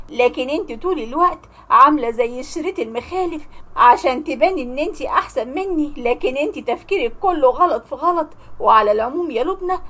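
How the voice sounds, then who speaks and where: Brief: Egyptian woman storyteller, fairly high voice, first-person narration. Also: fairly bright tone.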